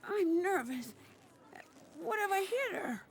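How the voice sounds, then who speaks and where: Earnest, high-voiced young game fighter. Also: female voice, very animated, slow pace, noisy background, full character voice. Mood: nervous. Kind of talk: video game cutscene acting. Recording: distant game audio under loud music.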